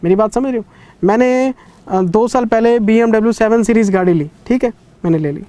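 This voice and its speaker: A man's voice: high voice, fairly quick, dark tone, no echo. A man in his thirties teaching an accounting revision class in a conversational lecturing way, stern yet caring with students. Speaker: CA exam teacher.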